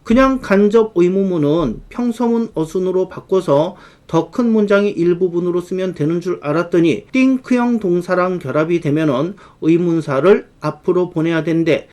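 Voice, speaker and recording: A man teaching an online English grammar lesson. He explains lively and slows right down to spell out the English example sentences. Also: high voice.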